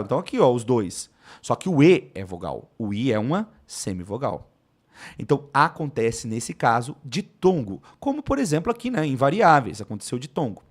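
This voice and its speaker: A man with a Brazilian Portuguese accent teaching grammar in a live online lesson. He is expressive and keeps asking himself questions and answering them. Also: mid-range voice. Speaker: Portuguese teacher for exam prep.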